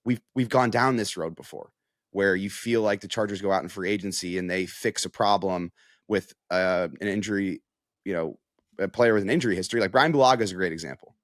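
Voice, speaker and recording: Here an American man with a low voice talks briskly as a reporter and podcast guest in a relaxed sports analysis chat. His points are peppered with "like" and "you know," and the studio-quality audio has no echo.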